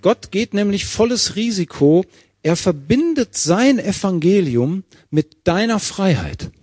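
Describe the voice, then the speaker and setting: Ein Mann, der lebhaft predigt, einen Bibeltext Vers für Vers auslegt und der Gemeinde Fragen stellt. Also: male voice, high-pitched, unhurried, slightly rough, no room sound, clean studio sound. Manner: lively preaching, verse by verse, with questions to the congregation. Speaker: preacher. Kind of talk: sermon.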